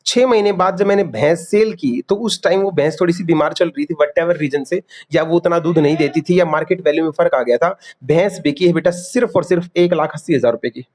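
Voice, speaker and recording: A male teacher giving an online class lecture, calling students "beta", drilling key terms and quizzing them for quick answers. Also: a little high, darkish tone.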